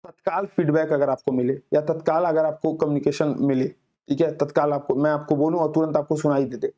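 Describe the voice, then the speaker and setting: A man teaching an exam-prep class, explaining answers with homely examples and reading questions out slowly. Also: a little high, fairly even intonation, mellow, lo-fi sound. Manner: reads English questions out very slowly, then explains with everyday examples. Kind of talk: Hindi lecture solving exam questions.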